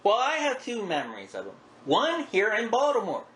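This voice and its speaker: A middle-aged man with a forceful, somewhat high voice hosts a casual podcast. He tells stories in a folksy, wry manner. The room is echoey, with some noise behind him. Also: wildly swooping pitch, moderate pace. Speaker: podcast host. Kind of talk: casual chat, reminiscing about wrestling. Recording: roomy echo with background noise.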